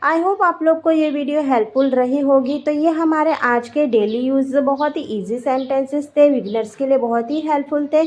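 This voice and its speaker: A woman teaching a language lesson, repeating each short phrase twice in a clear, deliberate way. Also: high voice, darkish tone.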